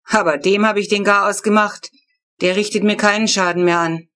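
A woman's voice: medium pitch, steady tone, normal speed, a bit bright, natural voice. A woman voicing a grumpy older male neighbor in an audiobook, ranting with self-satisfied bluster. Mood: triumphant. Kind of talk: audiobook character reading.

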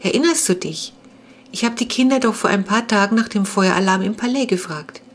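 A woman's voice: mid-range voice, fairly quick, lightly acted. A woman reading the lines of a serious, worried father questioning his children in a storybook.

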